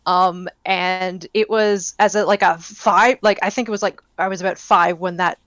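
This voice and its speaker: A woman's voice: lowish voice, steady tone, normal speed, a bit bright, dry recording. A young woman co-hosting a podcast, chatting casually and enthusiastically with lots of fillers. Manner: rambling, enthusiastic, many fillers. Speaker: podcast co-host. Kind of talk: casual chat.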